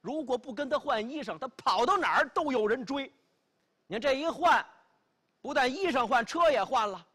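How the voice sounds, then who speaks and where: Middle-aged man, traditional storyteller, theatrical, exclamatory, high-pitched, husky. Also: lively intonation, normal speed, pushed and bright. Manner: emphatic, dramatic, exclamatory. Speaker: pingshu storyteller. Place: television studio stage.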